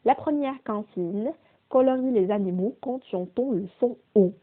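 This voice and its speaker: A woman teaching a primary school phonics lesson, slowly repeating and stressing each word's sounds. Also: fairly high pitch. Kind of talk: slow, deliberate remote phonics lesson. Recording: phone-quality, narrow-band audio.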